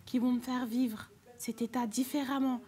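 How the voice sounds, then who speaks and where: A woman with a French accent speaking as an expert guest, explaining in a measured, assured way. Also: a little high, little pitch movement, dark tone. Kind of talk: explaining on a talk show.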